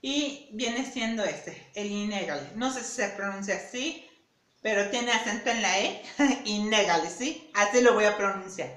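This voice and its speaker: A woman's voice: on the high side, a little slow, a bit bright, echoey room. A woman reviewing perfumes in a casual, chatty way, often repeating herself and asking "¿sí?". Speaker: beauty vlogger.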